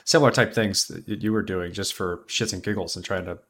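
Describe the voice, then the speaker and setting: A man's voice: low voice, fairly even intonation, a little fast, a bit bright. A man co-hosting a podcast, chatting casually and thinking aloud with restarts. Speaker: co-host.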